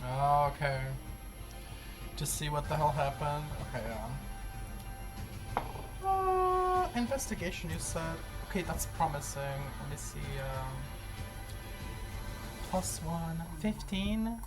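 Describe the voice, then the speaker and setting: A woman's voice: low voice, sing-song, takes it slowly, long pauses, loud music behind the voice. A woman playing a tabletop game, chatting casually and thinking aloud in a hesitant way.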